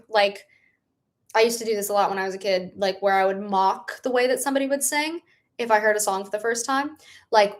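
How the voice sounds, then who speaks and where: A young adult woman hosting a casual livestream, answering viewer questions in a bubbly, chatty manner. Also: medium pitch. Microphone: live stream setup.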